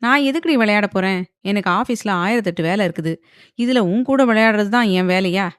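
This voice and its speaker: A man's voice: high voice, brisk, a bit bright, clean tone, no room sound. Mocking young husband from an audio love story, offhand and dry, woman reading it. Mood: teasing.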